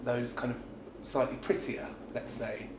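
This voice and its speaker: Speaking a little slowly in a flat, medium-pitched voice, a British man who performs as a pantomime dame reflects casually during an interview. His thoughts often trail off, and the audio carries roomy echo and background noise.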